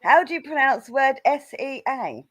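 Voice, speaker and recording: A woman's voice: sits high, expressive, normal speed, fairly bright tone. A woman in casual chat on a video call, teasing and arguing her point. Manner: argumentative, teasing.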